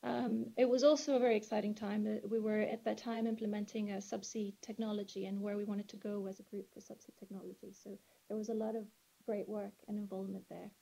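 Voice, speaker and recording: Woman from Venezuela, thirties, gravelly fry in the voice, halting speech full of ums, over a video call. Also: medium pitch, little pitch movement, dark tone, lo-fi sound. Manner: hesitant, many fillers and restarts. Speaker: wells engineering manager presenting remotely. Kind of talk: remote webinar self-introduction. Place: indoors, on a rainy evening. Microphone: video call link.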